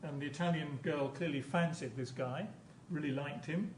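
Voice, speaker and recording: This professor's conference lecture comes in a somewhat high voice at a moderate pace, his explanations halting and full of repeated words. It was captured on a distant mic in an echoey room with noise in the background.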